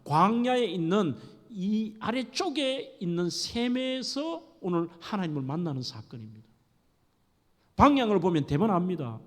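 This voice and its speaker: Animated middle-aged male pastor preaching. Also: high-pitched, unhurried. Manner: dramatic storytelling, acting out scenes. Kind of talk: sermon. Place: church sanctuary. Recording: echoey church hall.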